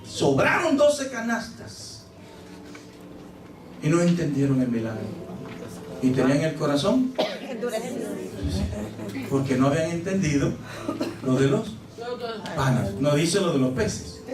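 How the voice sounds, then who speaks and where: A man pastor preaching a sermon in a church, animated and theatrical, acting out scenes with loud cries. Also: on the high side, unhurried, pauses often. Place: church service. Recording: echoey church from a distant mic, music behind.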